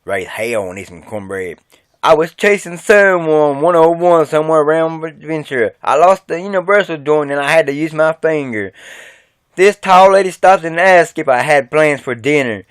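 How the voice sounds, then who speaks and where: A man's voice: fairly high pitch, lively intonation, normal speed, clear, resonant tone, dry recording. A man from West Virginia with an Appalachian accent, singing a country song cover at home and chatting folksily between verses. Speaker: amateur singer.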